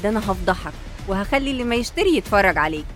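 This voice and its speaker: A woman playing a bitter, jilted woman who speaks with an Egyptian Arabic accent in a sharp, accusing manner. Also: medium pitch, expressive, rapid-fire, soft background music, lightly acted.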